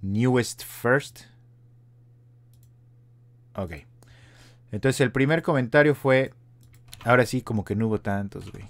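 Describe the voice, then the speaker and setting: A man's voice: medium pitch, measured pace, long pauses. A Mexican man in his thirties co-hosting a casual podcast chat, joking around and reading listener comments aloud. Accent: Mexican Spanish. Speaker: podcast co-host.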